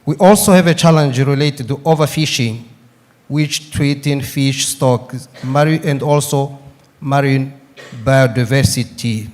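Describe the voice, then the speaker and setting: A man's voice: mid-range voice, unhurried, a little mellow. A man with a Mozambican accent gives a short formal speech as a university representative at a congress.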